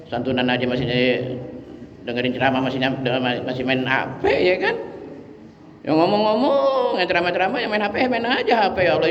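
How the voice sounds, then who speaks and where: A man, preaching a lively, colloquial sermon that he acts out. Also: high voice, slight background noise. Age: 60s. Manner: animated, colloquial and dramatizing. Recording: echoey hall, dull sound.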